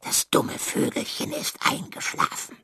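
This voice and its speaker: A man's voice: a little slow, bright, forceful tone, no room sound, studio quality. A man voicing a scrappy, greedy ship rat in a storybook reading, hissing and sneering.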